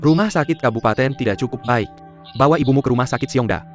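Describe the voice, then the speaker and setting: A man dubbing a calm, assured young male executive, speaking in a firm, reassuring way, on a dull recording with faint music underneath. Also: mid-range voice, quick pace, close to an everyday voice. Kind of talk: dubbed drama dialogue.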